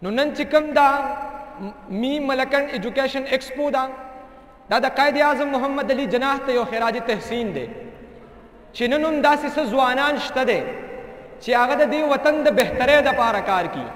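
A man's voice: very high voice, unhurried, fairly bright tone. A young man from Pakistan giving an impassioned speech at an expo, reciting verse in a rhythmic oratorical style into a handheld mic. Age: young adult. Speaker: student speaker. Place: large indoor expo hall. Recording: echoey hall, faint background noise.

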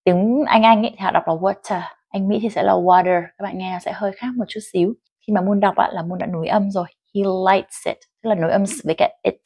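A middle-aged Vietnamese woman teaches an online English dictation lesson, reading sentences slowly and clearly and then explaining them in Vietnamese. Her mid-range voice is mellow with fairly even intonation, recorded with no echo.

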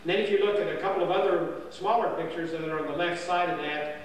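An older man tells a folksy camp history in a rambling, homespun voice, pitched fairly high for a man and full of fillers and restarts. He is heard from a distance across a dining hall, wrapped in long, roomy reverb with a faint hum under it. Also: steady tone, fast. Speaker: camp storyteller. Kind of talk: folksy spoken history tale. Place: indoor dining hall by a stone fireplace. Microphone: far camera.

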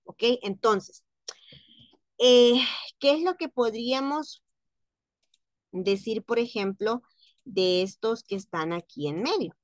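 A woman teaching French at a slow, unhurried pace, repeating each word over and over for her students. Her voice is recorded close and dry, with almost no room sound. She explains things step by step and patiently. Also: on the high side, no echo. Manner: slow and patient, repeats words for pronunciation drills. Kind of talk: explaining a lesson.

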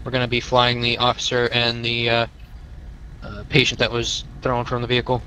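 A man role-playing an emergency scene commander, speaking in halting, procedural radio talk. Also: mid-range voice, monotone, bright, forceful tone, a little hiss or hum, poor audio.

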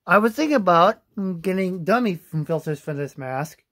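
A young man giving a casual, halting explainer to camera, often repeating himself, on a phone held at arm's length indoors. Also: high-pitched, expressive, fairly bright tone. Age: young adult. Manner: halting, repetitive. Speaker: vlogger. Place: small room indoors.

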